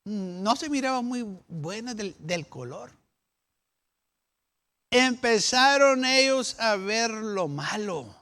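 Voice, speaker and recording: A pastor preaches a sermon in a high, bright, forceful voice, animated yet taking it slowly. He argues through questions and rebuttals, acting out the voices of the complaining, doubting people.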